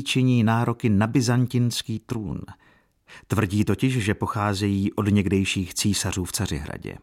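A worldly count, read by a man with a very low voice, speaks calmly and gravely. He delivers his warnings in measured, steady phrases. The voice is deep and unhurried. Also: lightly acted. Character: calm, worldly older nobleman, a count.

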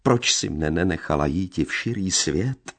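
A man voicing a wild, jealous young Romani man who shouts fierce accusations. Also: deep voice, lively intonation, full character voice. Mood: bitter. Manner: loud, fierce accusing outbursts.

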